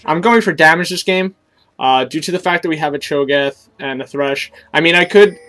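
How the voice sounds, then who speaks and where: A young man with a cold, his nose stuffy and his throat sore, casually commentates his own game and coaches viewers in an explanatory way, using plenty of fillers. His voice is a little high, bright and forceful, at normal speed.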